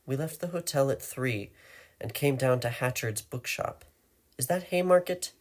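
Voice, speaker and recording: A woman's voice: expressive, normal speed, a little mellow. A man putting on a frantic woman. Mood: anxious. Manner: high, agitated, pleading. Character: distraught American woman tourist, middle-aged, frantic.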